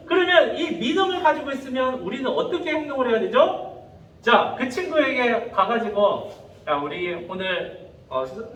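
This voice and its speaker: A male pastor with a very high voice preaching with lively, swooping inflection. He acts out voices and keeps nudging listeners along. The sound is echoey and distant, picked up from afar. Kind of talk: sermon. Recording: echoey room, distant mic, faint noise.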